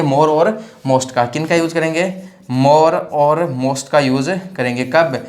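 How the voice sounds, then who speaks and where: A man teaching an exam-prep grammar lesson, repeating each point and often checking in with his students. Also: on the high side. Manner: repetitive, checks in with "theek hai na" constantly; spells words out letter by letter. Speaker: English teacher.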